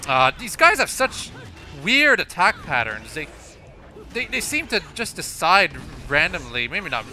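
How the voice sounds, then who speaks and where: A young man rambles through casual let's-play commentary, his high, sing-song voice bright and forceful at a measured pace. He keeps restarting and correcting himself, plugging gaps with "uh" and "like," while game music plays behind him and a slight background noise lingers.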